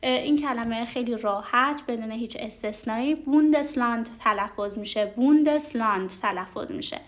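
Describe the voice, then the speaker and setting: A woman teaching a vocabulary lesson, talking straight to her learners, patiently repeating and slowly modeling each pronunciation with frequent hesitation sounds. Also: fairly high pitch. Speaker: German language teacher.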